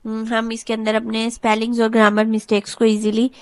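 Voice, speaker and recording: A woman tutor patiently talking through a screen-recorded software lesson step by step. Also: a little high, monotone, fairly quick, clear, resonant tone, no room sound. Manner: patient step-by-step explaining, often repeats "okay, done". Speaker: computer tutor.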